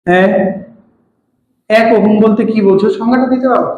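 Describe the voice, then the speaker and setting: A man's voice: high voice, fairly quick, darkish tone. Patient male teacher in an echoey room. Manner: patient, repeats key terms, asks checking questions. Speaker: physics teacher. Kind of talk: classroom lecture.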